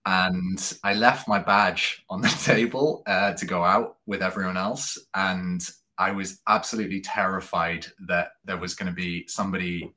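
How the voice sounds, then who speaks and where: A man with a low voice and a tense, forceful edge, talking as a podcast guest. He tells stories in a chatty, easygoing way and laughs often. It is casual conversation, not a performance. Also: fairly even intonation, moderate pace, hardly any pauses. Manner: chatty anecdotal storyteller, laughs easily. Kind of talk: casual chat.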